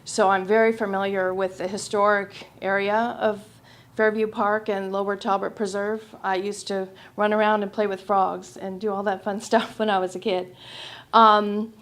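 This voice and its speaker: A woman wildlife biologist giving polite, measured public comment at a city meeting. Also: mid-range voice, flat delivery. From United States.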